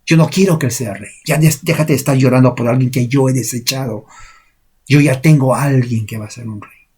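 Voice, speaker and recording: A preacher voicing an impatient scolding God. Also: male voice, mid-range voice, fairly quick, a little mellow, husky, lightly acted. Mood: exasperated scolding. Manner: exasperated, rebuking.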